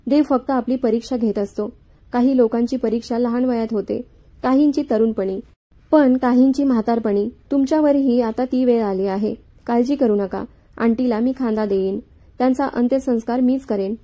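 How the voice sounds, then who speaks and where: A woman voicing a kind, comforting young man, calm and reassuring, in her own reading voice. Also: fairly high pitch, normal speed, natural voice.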